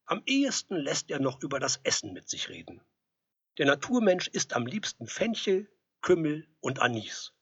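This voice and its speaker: Very husky man narrating with wry irony. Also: a little high, wildly swooping pitch, moderate pace, fairly bright tone, dry recording. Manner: wry, ironic storytelling. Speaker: storyteller. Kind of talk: scripted narration. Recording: dull lo-fi recording.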